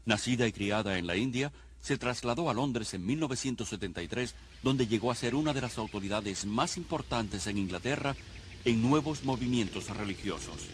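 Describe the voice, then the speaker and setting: A man narrating a documentary in a measured, solemn scripted voice-over. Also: medium pitch, expressive, a little hiss or hum. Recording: studio voice-over over loud music.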